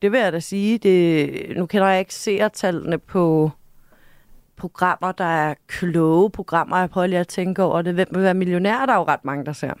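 A woman's voice: on the low side, clear, resonant tone, no echo. A woman guest in a casual studio conversation, talking hesitantly with many fillers and dry self-mockery. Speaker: podcast guest, journalist. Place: radio studio.

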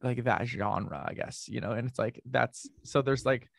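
A young man from North America chats casually about his music as an interview guest, rambling through ideas with many "likes" and restarts. His voice sits at an ordinary middle pitch. The sound is dry and close. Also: normal speed, gravelly, no room sound.

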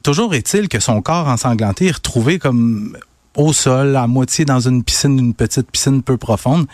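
A man with a Québécois accent, co-hosting a radio talk show and retelling a news story in an animated, chatty way. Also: mid-range voice, dry recording, clean studio sound. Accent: Québécois French. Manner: animated storytelling, quick asides. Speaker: radio co-host. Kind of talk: casual news chat.

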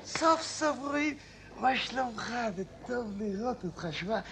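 A man's voice: very high voice, animated, creaky, background noise, full character voice. A man playing a chatty old man in a comedy sketch, grumbling and drifting off into nostalgic tangents. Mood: rambling nostalgic. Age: older.

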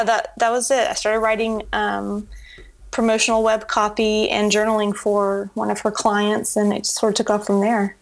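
Female interview guest, average pitch, casual and conversational, anecdotal delivery. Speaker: interview guest, web business consultant.

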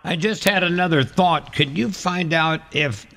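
A man's voice: a little high, unhurried, creaky, bright, forceful tone. A wry, joking man hosting live parade coverage on the radio with easy banter. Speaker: radio show host.

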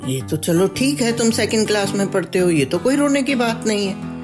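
A woman's voice: mid-range voice, animated, normal speed, music in the background, natural voice. A woman voicing a group of schoolboy friends who act self-important and bossy, in a children's story. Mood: eager. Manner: reassuring, bossy.

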